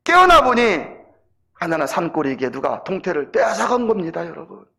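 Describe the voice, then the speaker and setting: A man preaching a sermon in a church, telling a story with emphatic rises and slow, solemn endings. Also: sits high, sing-song, gravelly. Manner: emphatic storytelling, rising loud at peaks, slowing into solemn closing. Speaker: pastor. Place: church sanctuary.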